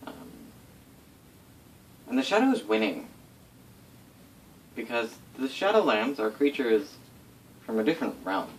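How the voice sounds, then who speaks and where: This man runs a tabletop game and is filling his players in on the setting's history in a loose, rambling way, complete with swearing and self-corrections. He speaks unhurriedly in a mid-range voice, very animated, pausing often, recorded from a distance with faint noise behind him.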